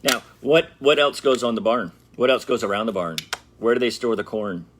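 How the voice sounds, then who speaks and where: A man's voice: fairly low pitch, a little fast, a little hiss or hum. A middle-aged man hosting a casual brick-building tutorial, chatting playfully and straight to his viewers as he works. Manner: chatty and playful, talks straight to viewers, hums and jokes while working. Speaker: brick-building channel host.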